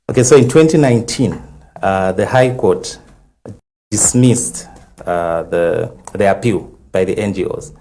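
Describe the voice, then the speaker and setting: Deep-voiced Zambian lawyer laying out dates. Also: male voice, mellow, a little hiss or hum. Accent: Zambian English. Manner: methodical, recounts a timeline with frequent uh fillers. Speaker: legal counsel for a conservation group. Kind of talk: studio TV panel discussion.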